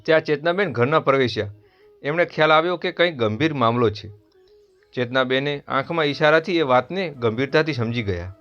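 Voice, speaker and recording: A man with a Gujarati accent narrating a family story in a steady, earnest scripted read. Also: mid-range voice, fairly quick. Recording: dull lo-fi voice over soft music.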